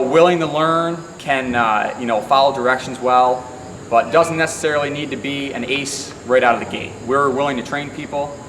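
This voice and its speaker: A farm employer who also operates heavy equipment answers interview questions informally in a plain-spoken, halting way, saying "you know" often and leaning on filler phrases. His voice is medium-pitched. The recording sounds distant and echoing, with loud hum from vehicles and ventilation.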